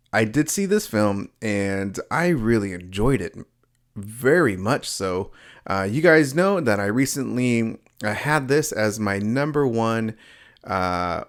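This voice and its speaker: Slow, smooth-voiced man reviewing a film. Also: fairly low pitch. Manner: rambling, many fillers and restarts; upbeat, excitable opening. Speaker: home video reviewer. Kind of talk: casual spoken review.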